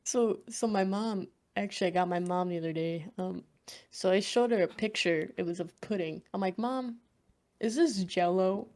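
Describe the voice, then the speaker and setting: A woman's voice: on the low side, normal speed, a little mellow. A young woman co-hosting a podcast in easy, casual chat. She tells crude, meandering stories about family, laughing through them and swearing freely. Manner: giggly, profane, rambling anecdotes. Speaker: podcast co-host.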